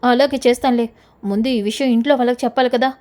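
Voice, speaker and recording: A woman's voice: on the high side, fairly even intonation, fast talker, darkish tone, natural voice. A woman voicing a fretful old grandmother. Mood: worried. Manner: worried, fussing. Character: anxious older grandmother.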